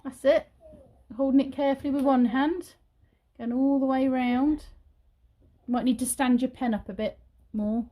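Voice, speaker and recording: Speaking at a moderate pace with long pauses, this British childminder and vlogger has a high voice and fairly even intonation. She's indoors at home, rambling chattily to camera with plenty of ums and sing-song praise for the children, her throat sore and congested. The sound is lo-fi.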